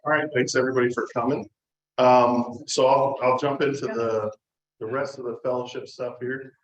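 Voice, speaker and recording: A man running the fellowship part of a club meeting, teasing the room in a playful deadpan way. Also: medium pitch, moderate pace, lo-fi sound. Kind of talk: casual joking announcements. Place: meeting hall. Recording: roomy hall with faint noise.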